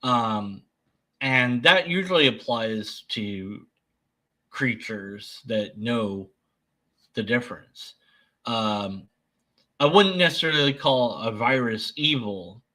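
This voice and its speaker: A man giving unscripted reaction commentary in a sardonic, dismissive manner with deliberate, emphatic phrasing. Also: medium pitch, pushed and bright, poor audio. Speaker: commentator debunking another person's video.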